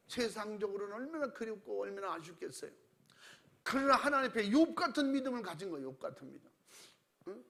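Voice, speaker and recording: A middle-aged man preaching a sermon as pastor, telling stories animatedly and acting out the voices he quotes, and clearing his throat often. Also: high voice, a bit bright.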